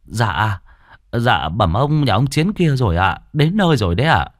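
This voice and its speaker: A man's voice: mid-range voice, sing-song, normal speed, no room sound, clean studio sound, lightly acted. A man voicing a timid young male servant who speaks obsequiously. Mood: deferential. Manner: obsequious, deferential.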